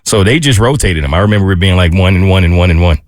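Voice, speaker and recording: Deep fast-talking man co-host. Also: no room sound, studio quality. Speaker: radio show co-host. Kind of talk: casual talk radio chat.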